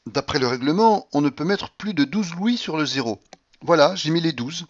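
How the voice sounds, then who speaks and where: A man reading a novel aloud, voicing an imperious, feverish old grandmother at the roulette table in a shrill, commanding voice. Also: lively intonation, normal speed, lo-fi sound.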